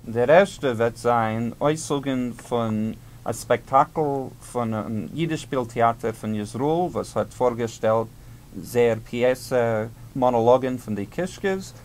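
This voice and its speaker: A man co-hosting a casual chat, halting and searching for words with many pauses. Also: mid-range voice, a little mellow. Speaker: podcast co-host.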